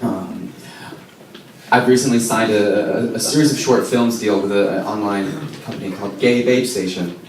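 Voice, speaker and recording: A young man in his twenties with an American accent, doing a self-deprecating stand-up set and pausing with ums. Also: fairly low pitch, darkish tone, recorded from a distance. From Israel. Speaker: stand-up comedian. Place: comedy club. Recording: echoey club recorded from afar, noisy.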